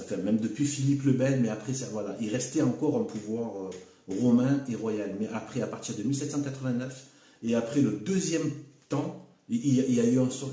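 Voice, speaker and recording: A man giving an unscripted solo video monologue, halting and repeating words, with frequent fillers like "hein" and "voilà". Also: mid-range voice, mellow. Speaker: video commentator. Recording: echoey room.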